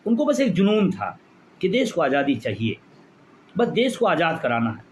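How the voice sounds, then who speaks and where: A high-pitched man delivering a fiery rally speech. He builds his points by repeating phrases and drives them home with passion. A faint hiss of noise sits under his voice. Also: huge pitch swings, normal speed. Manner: impassioned orator, repeats phrases for emphasis. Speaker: pension movement leader.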